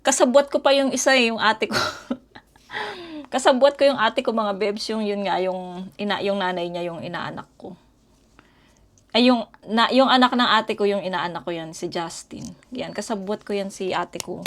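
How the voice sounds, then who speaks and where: A woman's voice: mid-range voice, moderate pace. A middle-aged woman from the Philippines, chatting casually and rambling to her viewers as she tells stories at home. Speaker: vlogger. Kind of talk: casual storytelling chat to viewers. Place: home in Korea.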